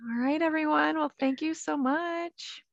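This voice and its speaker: Slow, gravelly woman podcast co-host. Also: sits high, dry recording, muffled recording. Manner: slow, laughs often. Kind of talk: casual chat.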